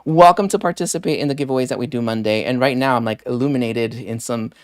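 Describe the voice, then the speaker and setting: A man's voice: medium pitch, quick pace, no room sound, studio quality. A man hosting a live deals stream, chatting casually and rambling with many fillers while thanking viewers by name. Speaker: livestream deals host.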